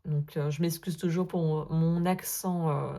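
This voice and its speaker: A woman talking casually to her viewers about her tarot cards, full of hesitant fillers and gentle asides. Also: low-pitched, steady tone, measured pace. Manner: hesitant, many filler euhs, gentle and self-deprecating. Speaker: sophrologist and tarot vlogger. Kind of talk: casual spoken vlog, addressing viewer as tu.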